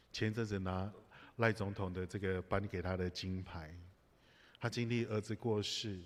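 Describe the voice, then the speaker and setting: A man preaching a sermon, telling personal stories with humor and asides to the congregation. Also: lowish voice. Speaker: pastor. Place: church sanctuary. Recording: live church hall reverb.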